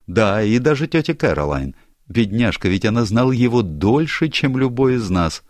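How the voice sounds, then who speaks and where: A man's voice: medium pitch, sing-song, normal speed, a little mellow, no echo, voice pushed up, natural voice. A man voicing a teasing, outspoken young woman in an audiobook, gushing and theatrical. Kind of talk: audiobook character voice.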